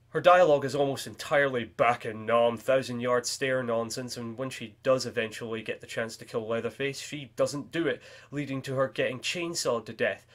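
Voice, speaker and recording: A man's voice: medium pitch, a bit bright. Sardonic man narrating a film review. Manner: sardonic, wry.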